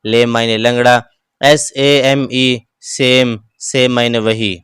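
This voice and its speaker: A man teaching English pronunciation, spelling each word letter by letter and then saying it slowly. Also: mid-range voice, little pitch movement, fairly bright tone, clear, resonant tone, dry recording, studio quality. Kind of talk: slow spelled-out pronunciation lesson.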